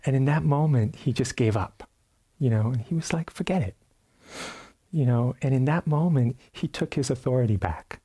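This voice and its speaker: A man giving a dharma talk at a meditation retreat, telling a story in a relaxed way with many fillers and restarts, sometimes acting out sounds and quotes. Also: mid-range voice, normal speed, breathy edge. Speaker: meditation teacher. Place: retreat center meditation hall.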